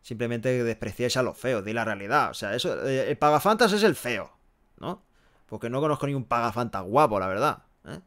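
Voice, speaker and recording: A young man from Barcelona chats casually into a headset microphone in a small room, reading viewers' messages aloud and answering them bluntly. His voice is smooth and resonant at a middle pitch, and he keeps adding quick tag questions as he talks. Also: lively intonation, a bit bright. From Barcelona, Spain. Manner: chatty, frank, tags sentences with "¿eh?" and "¿no?". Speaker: live streamer reading chat. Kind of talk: casual live-stream chat. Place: small room with a pale green wall, indoors.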